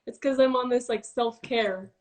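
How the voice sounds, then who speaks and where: A young woman chatting on a live video call, eager and agreeable, quick to chime in. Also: fairly high pitch, fairly even intonation. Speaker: livestream co-host. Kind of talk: casual chat.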